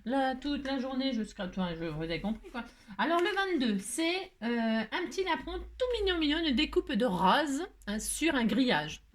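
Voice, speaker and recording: A woman's voice: high-pitched, expressive, moderate pace. A middle-aged woman chatting playfully while making crafts, rambling with jokes and little asides. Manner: playful rambling, jokes, laughs, hums snatches of song. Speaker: crafting vlogger. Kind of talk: chatty crafting tutorial talk.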